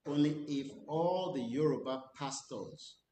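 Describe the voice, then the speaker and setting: A man's voice: a little slow, dark tone. Earnest man commenting, echoey room. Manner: earnest, mixes English and Yoruba. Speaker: channel host. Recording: echoey room with faint rumble.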